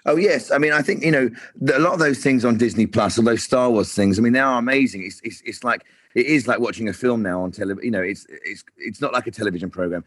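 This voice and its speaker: A man's voice: mid-range voice, quick pace, no room sound. A man who directs television, talking about his work in a casual interview with lots of restarts and fillers. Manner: rambling, many restarts and fillers.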